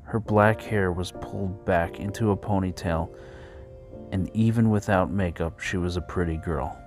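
A man narrating a story in a steady, even reading voice, over faint background music. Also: deep voice.

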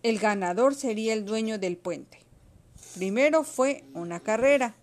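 A woman reading a children's storybook aloud to a child, expressive and patient. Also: fairly high pitch, measured pace.

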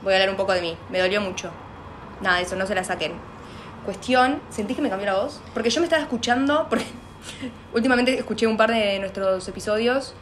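A chatty woman co-hosts a loose, casual podcast, talking over her friend and laughing often. Her voice sits at a middle pitch, picked up on a phone with a faint hiss behind it. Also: brisk. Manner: talkative, interrupts often, laughs easily. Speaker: podcast co-host. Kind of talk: casual chat.

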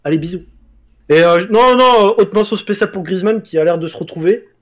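A man's voice: high voice, brisk. A man co-hosting a casual football chat, crude and swearing as he taunts rival fans. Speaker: co-host of a football show.

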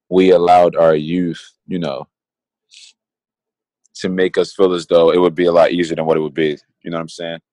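A man's voice: deep voice, darkish tone, no room sound. A man in his twenties co-hosting a casual podcast, talking in an earnest, reflective way and often restarting and repeating phrases. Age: 20s. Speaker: podcast co-host.

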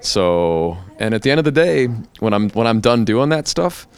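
A man's voice: on the low side, big pitch swings, moderate pace, clear, resonant tone. A middle-aged man talking casually as a podcast guest, blunt and joking, swearing now and then. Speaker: guest, hair educator.

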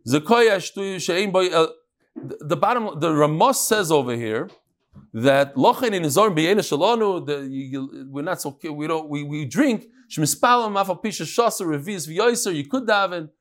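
Male Talmud teacher, higher-pitched. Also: animated, moderate pace, fairly bright tone. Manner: conversational, switches between English and Hebrew-Aramaic terms. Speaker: religious teacher leading a Talmud class. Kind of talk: informal Talmud lesson, reading and explaining.

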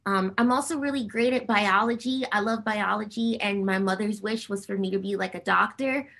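A woman's voice: mid-range voice, normal speed, creaky, fairly bright tone. A woman from the eastern US giving casual, effusive answers as an interview guest. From Harlem and New Jersey, US. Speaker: interview guest, singer and actor.

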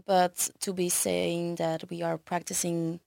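Woman, thirties, gravelly fry in her voice, dry close sound, friendly podcast guest, laughs easily. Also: lowish voice, monotone, takes it slowly, darkish tone, dry recording. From Belgium. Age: 30s. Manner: friendly, laughs often, loose with many fillers. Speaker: podcast guest, yoga teacher. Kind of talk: casual interview chat.

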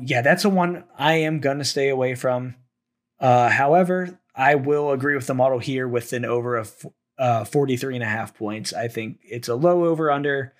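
Brief: young male podcast host, solo sports picks, hoarse from talking, um-heavy. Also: medium pitch. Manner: thinks aloud with frequent fillers and restarts. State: losing his voice. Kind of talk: solo sports betting talk.

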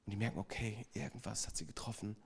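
A man preaching a sermon and retelling a story, emphatic, swinging from loud stresses to hushed passages, with chatty asides to the congregation. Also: lowish voice, fast, gravelly, slightly rough. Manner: conversational asides to the audience. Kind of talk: sermon with retold anecdote.

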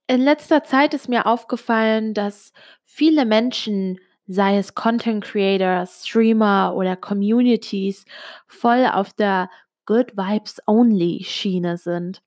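Speaking slowly in a medium-pitched, slightly mellow voice, this young woman vlogs from Switzerland. Italian is her native tongue, and her German carries little Swiss accent as she confides a personal story straight to the listener, casual and full of little fillers.

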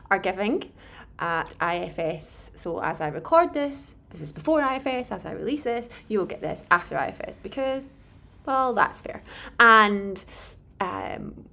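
A woman's voice: a little high, fairly bright tone. A woman hosting a podcast in a casual, explanatory way, frank and self-deprecating, recorded in a slightly echoey room. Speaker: podcast host and nutritionist. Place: indoor room, home recording.

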